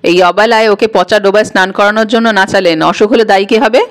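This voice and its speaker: A woman's voice: medium pitch, fairly quick, close to an everyday voice. A woman voicing a stern, irritable young city man who speaks in a curt, scolding way. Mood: angry.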